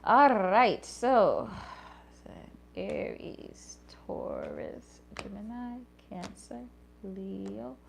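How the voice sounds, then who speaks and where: A woman's voice: medium pitch, wildly swooping pitch, drawn-out words, vocal fry, slight background noise. A woman giving a casual tarot reading vlog, chatty and slangy, swearing and apologizing as she rambles. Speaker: astrology tarot reader.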